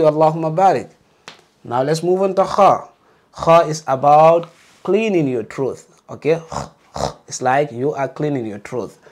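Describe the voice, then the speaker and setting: A man's voice: fairly high pitch, darkish tone. A man teaching a beginner alphabet lesson, patiently modeling letter sounds and encouraging learners to repeat.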